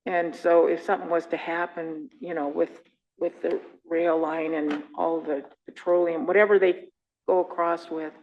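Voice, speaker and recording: A woman's voice: on the low side, little pitch movement, normal speed, lo-fi sound, slight background noise. A woman council member giving earnest, rambling remarks at a meeting.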